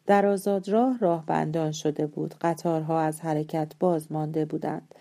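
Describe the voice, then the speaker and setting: Warm-voiced woman narrating a story. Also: low voice, steady tone. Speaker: audiobook narrator.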